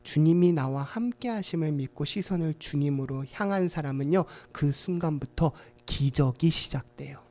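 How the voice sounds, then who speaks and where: A male pastor preaching a sermon, acting out quoted voices and swinging from hushed tones to loud cries. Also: a little high. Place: church sanctuary.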